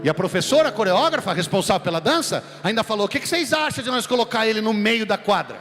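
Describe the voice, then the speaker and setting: Male preacher, São Paulo accent, fairly high voice, animated testimony style, climbing to emphatic peaks. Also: fast. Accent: São Paulo Brazilian Portuguese. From Brazil. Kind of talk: sermon with personal testimony. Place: large church sanctuary. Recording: long hall reverb with music behind.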